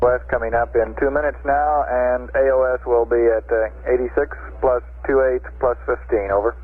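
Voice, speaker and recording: A man of medium pitch speaks to a spacecraft from mission control. He is halting and businesslike, with very little inflection. The voice comes through a thin, narrow-band vintage radio link. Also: steady tone. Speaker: capsule communicator at mission control. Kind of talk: radio procedure talk with a spacecraft.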